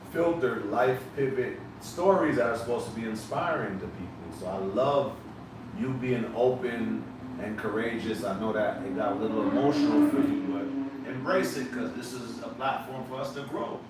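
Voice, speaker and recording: Hosting a live podcast from a couch, a man chats casually with his guest in an emphatic, animated way, tossing in swear words. His medium-pitched voice is expressive and moderately paced. The distant mic picks up room echo and background noise.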